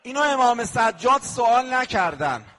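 A man with a high voice preaches a mourning sermon in a large shrine hall. He sounds impassioned and addresses the congregation directly. His tone moves between soft storytelling and lament recitation. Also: big pitch swings. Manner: impassioned, speaks to the crowd directly. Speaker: religious eulogist preacher.

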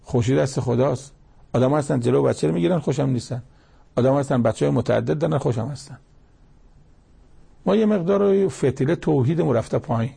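A man preaching a sermon, reciting verses slowly and explaining them in everyday speech with anecdotes. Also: medium pitch, warm tone. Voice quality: gravelly, husky voice. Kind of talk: Quranic commentary sermon.

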